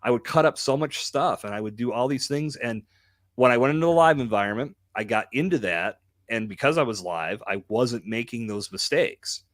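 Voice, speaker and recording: A podcast host speaks live into a close microphone in a candid, emphatic, colloquial way. His voice is medium-pitched at a normal speed, and the recording is dry.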